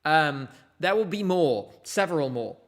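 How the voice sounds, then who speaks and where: A man hosts a live stream from his home, talking casually and laughing often. His voice sits a little high, and he keeps a running chat going while he reads out viewer comments. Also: lively intonation, a little slow. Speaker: livestream host.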